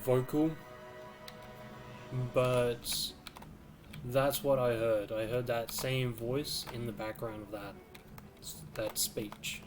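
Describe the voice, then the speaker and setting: A man streaming a video game, slowly musing aloud to himself in casual commentary. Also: medium pitch, steady tone, over music. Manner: slow, musing, mutters to himself.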